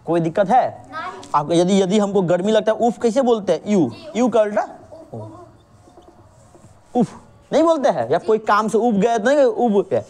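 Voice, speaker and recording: Woman, teacher, very expressive pitch, patient, checks understanding constantly, call-and-response drilling. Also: normal speed, pauses often. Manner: patient, keeps checking understanding with repeated questions; calls the student "babu", drills with call-and-response. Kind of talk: reasoning lesson for students.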